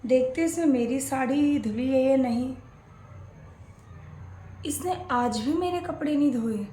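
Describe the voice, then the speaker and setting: A woman's voice: high voice, unhurried, mellow, echoey room, a little hiss or hum. A woman acting out a scripted family skit, playing both a mother-in-law and a daughter-in-law.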